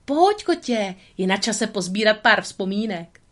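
A woman's voice: lively intonation, natural voice. A woman reading a storybook aloud and voicing a carefree, cocky young male stray dog in a playful, teasing tone. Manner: playful, teasing, louder and higher than her narration. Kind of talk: storybook narration.

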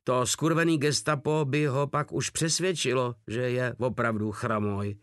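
A man's voice: mid-range voice, fairly even intonation, fairly bright tone, no echo, clean studio sound, close to an everyday voice. A man voicing a huge crude male soldier who mocks and swears with brutal cheer. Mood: mocking. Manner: coarse, mocking, swearing.

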